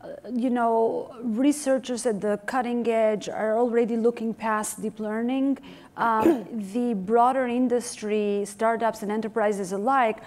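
A woman's voice: on the high side, steady tone, measured pace, darkish tone. A woman in her forties moderating a panel on a conference stage, asking long questions with restarts and hedges into a lapel mic.

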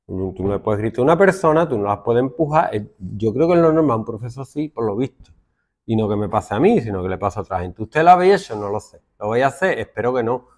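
Speaking fast in a lowish voice, this male teacher from Spain lectures his secondary school students with a Spanish accent. He's animated, mimicking their complaints in mocking tones.

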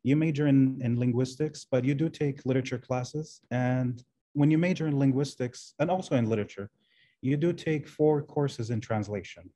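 Mellow-voiced Kuwaiti man on a video call. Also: mid-range voice, moderate pace. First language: Arabic. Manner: hesitant, many fillers and restarts. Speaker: guest, translation professor. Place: indoor room.

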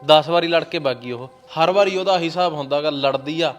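A man's voice: on the high side, brisk, faint music behind, close to an everyday voice. An actor playing a blunt brother who mocks his sibling. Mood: mocking. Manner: mocking, blunt. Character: mocking older brother teasing his sibling.

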